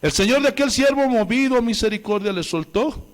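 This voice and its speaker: A man's voice: extremely high pitch, expressive, a little fast. A male pastor, preaching a sermon with emphatic rhetorical questions and reading scripture aloud. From Bolivia.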